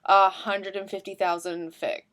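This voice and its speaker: A young woman co-hosting a podcast, chiming in with teasing, quick remarks about books. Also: mid-range voice, flat delivery, a bit bright. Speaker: podcast co-host. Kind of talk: casual book chat.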